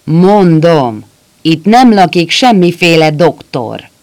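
A man voicing a drunken, surly man who shouts his refusals in a gruff voice. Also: fairly high pitch, animated. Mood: angry shouting.

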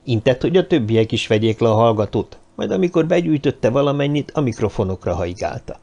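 A man narrating an audiobook in a measured, even storytelling manner. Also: mid-range voice, vocal fry. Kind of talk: scripted narration.

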